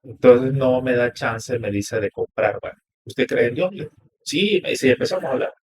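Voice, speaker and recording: Man, husky, animated storyteller, podcast guest. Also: medium pitch, moderate pace. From Honduras. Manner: animated storyteller quoting dialogue. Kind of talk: storytelling interview.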